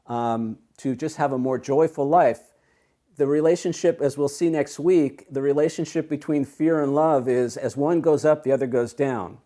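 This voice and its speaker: A warm, medium-pitched man leads an online self-help workshop over a video call. He explains ideas step by step, earnest and encouraging throughout.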